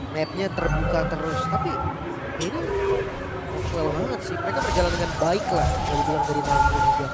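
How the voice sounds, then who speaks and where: An Indonesian man co-commentates an esports match in a high, quick voice. His analysis is casual and colloquial, sprinkled with English gaming terms, with loud music behind.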